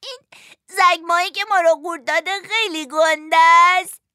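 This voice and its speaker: A woman voicing a frightened, stubborn wooden puppet boy in a storybook reading, wailing in a high pleading voice. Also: sharp tone, dry recording, studio quality. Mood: curious.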